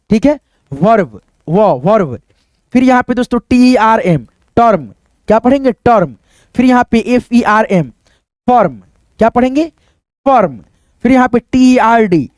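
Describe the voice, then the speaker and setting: The recording is studio quality with no echo, capturing a male English teacher whose voice is very high-pitched and a little mellow. He walks through an online phonics lesson, spelling words letter by letter, asking questions and restating the answers. Often he turns to his viewers as friends with tag questions.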